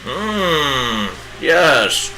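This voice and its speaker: A man's voice: medium pitch, very animated, crowd noise, heavily acted, poor audio. A man playing a pompous bearded old wizard with a put-on British accent, hamming it up while he paints live. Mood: grandiose. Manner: hammy, drawn-out theatrical wizard speech.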